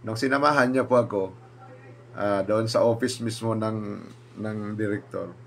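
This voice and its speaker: A man's voice: on the low side, normal speed, gravelly, slight background noise. A man, a pastor, telling a personal story and acting out what others said. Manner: animated, acts out quoted speakers with raised voice.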